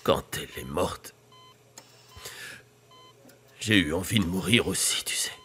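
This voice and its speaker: A man's voice: deep voice, measured pace, pushed and bright, a little hiss or hum. An actor dubbing a telenovela, playing a young man who begs and clings to the woman he loves, intense and pleading. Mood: despairing. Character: young man, obsessive and desperate lover. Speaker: dub actor. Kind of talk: dubbed telenovela acting.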